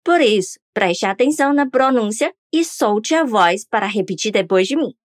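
A woman's voice: fairly high pitch, lively intonation, normal speed, dry recording, clean studio sound. Upbeat woman leading a pronunciation drill. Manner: upbeat, coaxing listeners to repeat aloud. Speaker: language teacher. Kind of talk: podcast pronunciation lesson.

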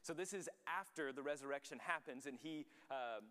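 A man's voice: mid-range voice, moderate pace, pushed and bright, clean tone. A young adult man teaching a Bible study in a casual, conversational way. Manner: conversational, acts out the quotes in voices. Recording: long hall reverb.

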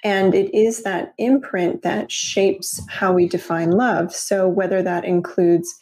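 A woman talking in a podcast conversation, explaining things in a measured way and laughing easily. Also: mid-range voice, steady tone, warm tone.

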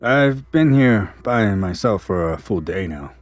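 A man voicing a calm male studio owner with a soft Scandinavian accent, speaking hesitantly and politely. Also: lowish voice, measured pace, no echo, faint music behind. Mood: calm, hosting.

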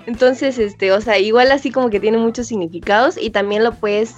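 A woman's voice: fairly high pitch, fairly quick, muffled recording, soft background music. A woman from Comitán, Chiapas, with a mild Chiapas Mexican accent, a guest in a casual interview, chatting with fillers and frequent laughter.

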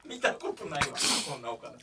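A man's voice: on the high side, wildly swooping pitch, fast talker. A man on a podcast chiming in with short, wry retorts from off to the side. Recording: off-mic with loud background noise.

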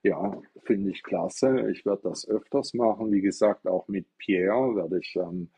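Man from southwest Germany, live-stream monologue on an iPad mic, loose and rambling, husky and somewhat dark. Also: sits low, unhurried, dull audio. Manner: rambling, explanatory, poses rhetorical questions. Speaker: livestreamer talking about Buddhism.

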